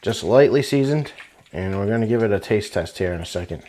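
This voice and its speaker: A man's voice: lowish voice, lively intonation, fairly quick, dark tone. A man talking casually to viewers as he cooks in a folksy, chatty way, like a home cooking vlog host. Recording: clear frying sizzle, uneven mic level. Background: sizzling oil in a frying pan.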